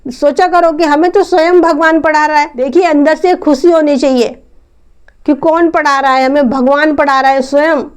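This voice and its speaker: High-voiced woman giving an earnest devotional talk. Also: steady tone, normal speed. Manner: earnest, repeats points, asks rhetorical questions. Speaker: spiritual speaker.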